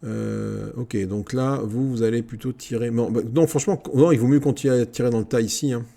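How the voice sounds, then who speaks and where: Gravelly man commanding his troops. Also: medium pitch, fairly quick. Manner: talks to his troops, excitable outbursts. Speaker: gaming YouTuber. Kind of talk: casual Let's Play commentary.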